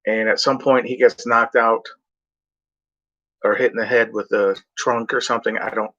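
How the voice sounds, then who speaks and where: Rambling man with a bright voice. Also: medium pitch, little pitch movement, moderate pace. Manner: meandering, off-script, swears freely. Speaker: vlogger. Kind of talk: rambling casual chat. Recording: dull lo-fi recording.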